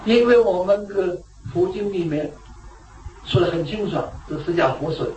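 A man's voice: high-pitched, moderate pace, darkish tone. Man giving a Buddhist talk from far off. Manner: storytelling, asks rhetorical questions. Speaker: Buddhist teacher. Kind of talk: dharma talk. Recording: echoey room, distant mic, noisy.

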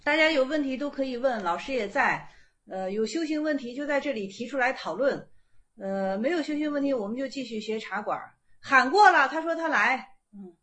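A woman leads an informal online dharma lecture as a Buddhist meditation teacher. Her voice sits high and sounds bright and clear. She circles back over her own phrases and presses her points with growing insistence. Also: animated, brisk. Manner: repeats phrases, grows emphatic.

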